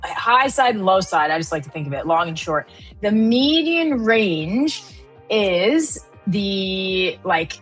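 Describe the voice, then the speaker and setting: A woman's voice: fairly low pitch, a bit bright, husky, rough recording. A woman with an Upper Midwest American accent, hosting live market commentary in a chatty way with many fillers. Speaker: trading show host.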